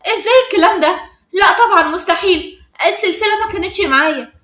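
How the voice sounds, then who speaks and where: A woman with an Egyptian accent voicing a spiteful, scheming teenage schoolgirl with a sneering, shrill way of talking. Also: lively intonation, quick pace, sharp tone, reverberant. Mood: panicked. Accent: Egyptian Arabic.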